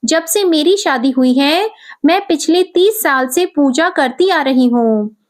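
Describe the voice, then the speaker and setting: A devout older mother pleads in a high, unhurried voice, as a woman storyteller reads her. Her lines come slow and heartfelt, with the plain voice of a story reading. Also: expressive. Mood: anguished.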